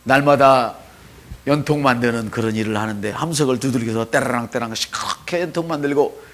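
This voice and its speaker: Korean pastor preaching with big swings. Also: male voice, mid-range voice, a little fast. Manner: swings from soft asides to loud preaching, asks the congregation to repeat. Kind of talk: sermon. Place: church.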